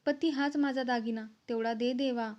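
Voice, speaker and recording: A woman's voice: fairly high pitch, fairly even intonation, moderate pace, darkish tone, lightly acted. A woman reading aloud the fervent, beseeching prayer of a devout, anxious young wife. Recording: slightly dull, lo-fi recording.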